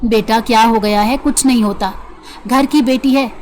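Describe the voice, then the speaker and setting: A woman voicing a gentle, patient middle-aged mother who calmly persuades her son. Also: sits high, normal speed, a little hiss or hum, close to an everyday voice. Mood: coaxing. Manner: soothing, persuasive.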